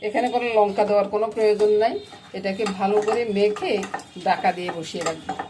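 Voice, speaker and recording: A fast-talking middle-aged Bangladeshi woman with a mid-range voice and a Noakhali Bengali accent chats through a casual cooking vlog in her home kitchen. Checking that viewers follow, she keeps asking "you get it?". Frying and sizzling make the recording noisy.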